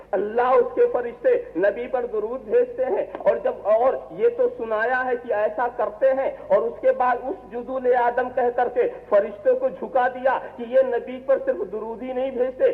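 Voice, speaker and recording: A man, a religious scholar, giving a sermon, asking the audience rhetorical questions and repeating phrases for emphasis. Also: extremely high pitch. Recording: tinny, reverberant 1970s tape of a speech.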